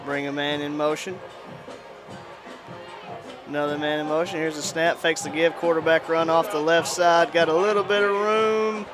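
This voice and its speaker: A man gives live play-by-play of a football game at an outdoor high school stadium, speaking into a headset at a moderate pace. His voice is a little high with a steady tone, and his energy climbs on big plays, with music and crowd noise behind him.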